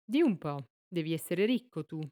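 A woman's voice: on the low side, very animated, normal speed, dark tone. Woman putting on a cocky teenage boy, scornful, mocking, swaggering, storybook reading.

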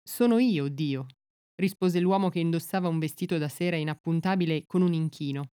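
A woman narrating a literary excerpt and fairy tale in a measured, unhurried audiobook reading. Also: on the low side, steady tone, warm tone, smooth, dry recording, studio quality.

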